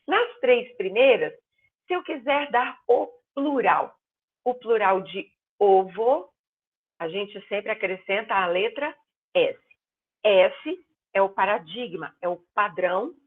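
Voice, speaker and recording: A woman teaching a grammar class online, explaining patiently and stressing example words loudly. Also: medium pitch, breathy edge. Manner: explains slowly, stretching and exaggerating words as examples. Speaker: Portuguese teacher. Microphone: video call. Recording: tinny phone-line sound.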